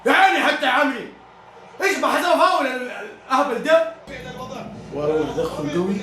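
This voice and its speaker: A fast-talking man with a high, excitable voice reacts live to a football match. He shouts and cheers and prays aloud between plays. The sound is echoey, as if from a bare room. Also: music in the background.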